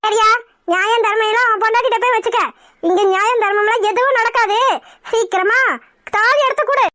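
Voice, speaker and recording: Woman as brash cartoon villainess, shrill and dry. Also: fairly quick, bright, forceful tone, no echo. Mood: mocking. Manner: brash, mocking commands. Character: bossy scheming woman, the groom's mother, brash.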